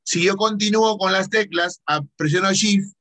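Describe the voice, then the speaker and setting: A man's voice: sits high, moderate pace, fairly bright tone. A male teacher with a Peruvian Spanish accent giving a patient online computer lesson, asking questions and then answering them himself.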